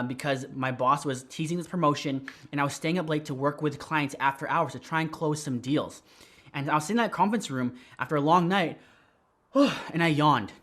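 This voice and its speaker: A man teaching how to start an online business, talking straight to camera in a direct, energetic way, with a slight whistle on his S sounds. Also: fairly high pitch. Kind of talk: tutorial to camera.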